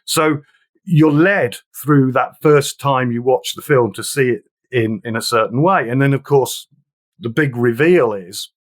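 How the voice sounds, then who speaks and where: A man's voice: medium pitch, unhurried. Earnest, reflective man. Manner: earnest and reflective, reads passages aloud. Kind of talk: casual film discussion.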